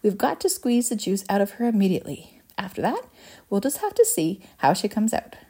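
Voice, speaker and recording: A woman's voice: medium pitch, big pitch swings, a little fast, mellow, slightly rough. A woman voicing an eccentric male confectioner in a children's story, fussy and regretful, given to sighing and repeating himself. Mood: brisk, apologetic. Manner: fussy, sighing, repetitive protests.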